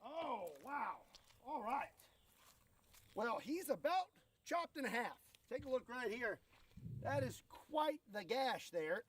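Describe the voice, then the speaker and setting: A man's voice: extremely high pitch, big pitch swings, takes it slowly, noisy background. A man hosting a stunt video in a casual, folksy way with joking understatement. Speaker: video host. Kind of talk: casual presenting of weapon stunt tests.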